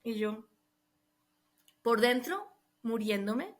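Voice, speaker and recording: A woman's voice: a little high, expressive, very slow. A middle-aged woman giving an emotional personal testimony, recounting events earnestly and quoting the people involved. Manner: earnest, recounting with quoted dialogue. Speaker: guest telling her testimony.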